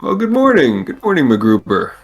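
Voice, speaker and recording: A man's voice: mid-range voice, huge pitch swings, a little fast, soft background music. A man playing a courteous, probing adventurer in a tabletop game, speaking hesitantly and formally and repeating himself. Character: courteous, probing male adventurer making small talk.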